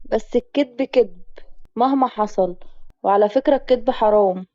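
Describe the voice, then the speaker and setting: A woman voices a wounded Egyptian man in his thirties, hiding out and teasing in a dry, plainspoken way. The tone is dark and mellow, and the story reading comes through a muffled lo-fi recording. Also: medium pitch, moderate pace, dry recording, close to an everyday voice. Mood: wry. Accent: Egyptian Arabic. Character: wounded 32-year-old man hiding out, wry and proud.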